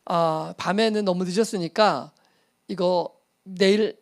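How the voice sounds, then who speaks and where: A man's voice: high voice, fairly even intonation, slow. A middle-aged male pastor telling a personal story in a sermon, acting out the voices and laughing at himself.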